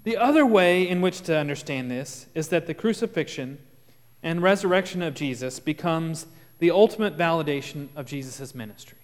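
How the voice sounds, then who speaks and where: A man with a Texas accent preaching a sermon as pastor, earnest and explanatory, with dramatic pauses and swings in volume. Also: a little high, lively intonation. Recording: long reverb of a large room.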